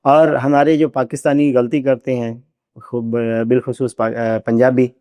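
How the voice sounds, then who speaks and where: A man who teaches Quran recitation walks through pronunciation patiently, sounding out each letter slowly and deliberately. His voice is a plain middle-pitched male voice. It is recorded close and dry. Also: flat delivery, mellow, dry recording. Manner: patient, demonstrates sounds by repeating them slowly. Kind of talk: teaching pronunciation in a podcast interview. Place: podcast studio.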